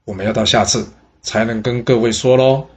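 A male storyteller narrating history in a lively, exclamatory way with many drawn-out particles. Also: medium pitch.

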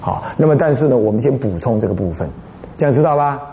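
A man's voice: medium pitch, animated, fast, vocal fry, dark tone, slight background noise. An older man, a Buddhist abbot giving a dharma lecture in a teacherly way, often checking in with rhetorical questions.

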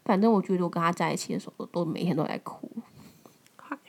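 A woman's voice: on the low side, fast, vocal fry, a little mellow. A young woman in her twenties from Taiwan, hosting a podcast and telling a personal story in a loose, conversational way, full of fillers and restarts. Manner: conversational, many fillers and restarts, rises when retelling angry lines. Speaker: podcast host. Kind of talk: casual storytelling monologue.

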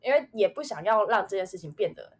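A podcast co-host in her twenties, speaking with a Taiwanese Mandarin accent, rambles through a personal memory in a casual chat, filling it with fillers. Her mid-range voice is slightly rough, with lively intonation and a quick pace.

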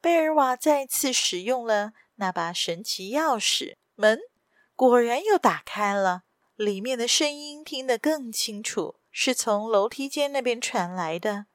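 A woman reading a story aloud as a podcast storyteller, steady and measured, close to the mic. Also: on the high side, dry recording. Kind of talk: scripted story narration.

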